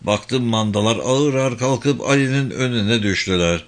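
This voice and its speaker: Male storyteller, mid-pitched, steady read-aloud delivery with brief footnote asides. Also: measured pace.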